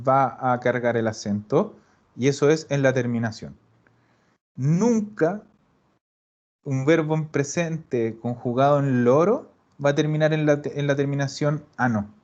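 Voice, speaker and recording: An Italian teacher leads an online language class, explaining patiently, repeating himself and checking that students follow with "¿ya?". His voice is a little high and a little mellow, and the audio is dull.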